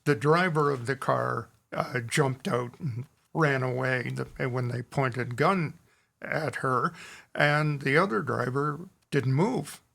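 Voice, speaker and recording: A man's voice: mid-range voice, slow, vocal fry, fairly bright tone. A man co-hosting a podcast in casual chat, wry and telling stories. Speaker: podcast co-host.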